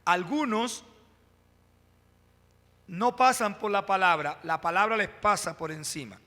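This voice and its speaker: A male pastor preaching a Sunday sermon in a church, with dramatic pauses, rising emphasis and direct asides to the congregation. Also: high-pitched, bright, forceful tone. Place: church sanctuary. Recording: long hall reverb from a church.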